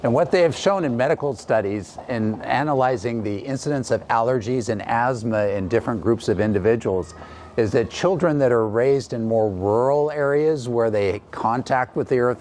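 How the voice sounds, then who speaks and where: A man in his fifties, an allergist and ENT doctor, explaining in a measured way. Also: mid-range voice, a little mellow, a little hiss or hum. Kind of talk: casual conversation.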